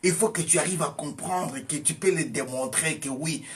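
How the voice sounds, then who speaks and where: A man's voice: a little high, normal speed, slight background noise. A male evangelist preaching a testimony sermon, emphatic and repeating phrases while addressing listeners as beloved.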